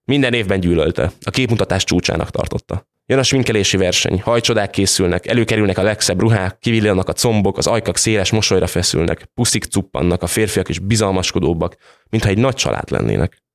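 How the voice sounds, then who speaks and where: A man with a fairly low voice reads a literary short story aloud. His telling is calm and measured, moving steadily from line to line. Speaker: story reader. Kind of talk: literary reading.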